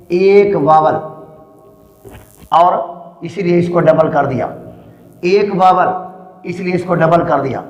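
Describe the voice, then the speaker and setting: A man teaching a spelling lesson, speaking slowly and deliberately and breaking words into syllables. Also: fairly high pitch. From Pakistan. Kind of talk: classroom lecture. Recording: echoey room with long reverb.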